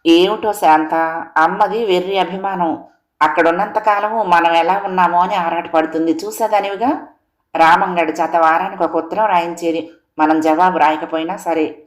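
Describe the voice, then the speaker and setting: A woman voicing a married son who speaks in a measured, mildly reproachful way. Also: on the low side, fairly even intonation, roomy sound, natural voice.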